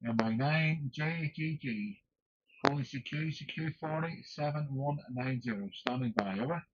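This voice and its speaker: A man with a fairly high voice makes procedural ham radio calls, spelling things out formulaically in the phonetic alphabet. The sound is somewhat dull, with faint radio static behind him. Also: normal speed. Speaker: amateur radio operator.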